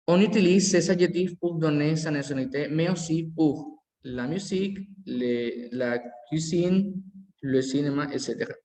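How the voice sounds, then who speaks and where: A man teaching a language lesson, slowly repeating each word form aloud as he explains it. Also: fairly high pitch, a little mellow. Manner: slow, careful, repeats word forms aloud. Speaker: French teacher. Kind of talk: bilingual classroom lesson. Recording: echoey hall.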